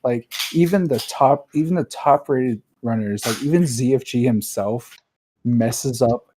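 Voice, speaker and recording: A man commentating a video game race in casual conversation. He rambles through restarts and fillers. His voice sits at a middle pitch with a mellow, relaxed tone. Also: unhurried, slight background noise, rough recording.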